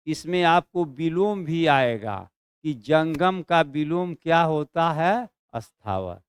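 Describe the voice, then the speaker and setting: A male teacher giving an exam-prep Hindi class online, dictating slowly, drawing out and repeating words and checking in with his students. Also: a little high, clear, resonant tone, dry recording, studio quality.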